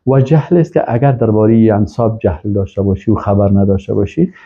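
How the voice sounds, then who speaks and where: A low, gravelly-voiced man gives a lecture on Islamic texts. He reads Arabic lines aloud and then explains them, pushing up into emphatic rises. The recording sounds dull and lo-fi. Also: steady tone. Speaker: Islamic studies teacher.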